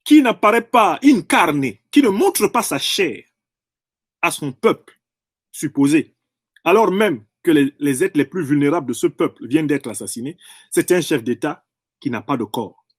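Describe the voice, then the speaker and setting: A man speaks in an emphatic, professorial monologue, rephrasing and repeating phrases to press each point. His voice sits high for a man and swings widely in pitch. The recording is dry and close, with no room sound. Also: animated, moderate pace, slightly rough, no echo. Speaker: political commentator. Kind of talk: impassioned political monologue.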